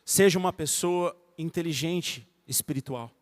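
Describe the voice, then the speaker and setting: A man with a Brazilian accent delivers a fervent evangelical sermon, his fairly high voice moving between hushed and loud stretches. The sound carries a long reverb from the church hall around him. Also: moderate pace. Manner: fervent preaching, swinging from soft to loud. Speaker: pastor.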